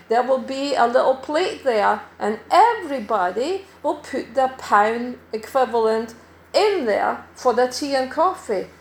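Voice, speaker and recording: A middle-aged Danish woman preaches a sermon in a church, measured and emphatic, slowing down to stress key words. Her voice is high-pitched, and the church hall sounds echoey.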